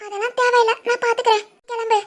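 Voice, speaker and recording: A woman voicing a tearful young village woman in an animated drama, speaking softly with a Tirunelveli Tamil accent. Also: extremely high pitch, fast talker. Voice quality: soft, subdued.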